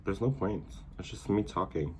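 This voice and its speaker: A young man with a very low, deep voice, chatting casually as a vlog host. He teases bluntly and playfully, with a faint hum of noise behind him. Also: normal speed, darkish tone. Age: 20s. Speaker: vlogger host. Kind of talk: casual couple chat.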